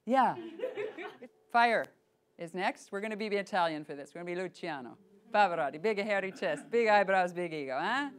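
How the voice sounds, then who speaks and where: Middle-aged lady teaching a voice class, playful, keeps asking the group stuff, mid pitch. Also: moderate pace. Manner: lively, playful, demonstrates voices, asks the group questions. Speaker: voice workshop teacher. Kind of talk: workshop teaching.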